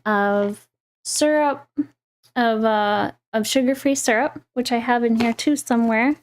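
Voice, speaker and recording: A woman's voice: high voice, a little mellow. A young woman hosting a casual livestream, talking in a meandering way with restarts and eager enthusiasm about the food she shows. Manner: slow, meandering, restarts mid-phrase. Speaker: lifestyle host.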